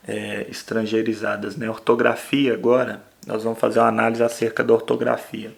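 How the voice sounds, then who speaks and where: Flat gravelly male grammar teacher. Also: medium pitch. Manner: explains slowly with frequent "né?". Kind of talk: grammar lesson.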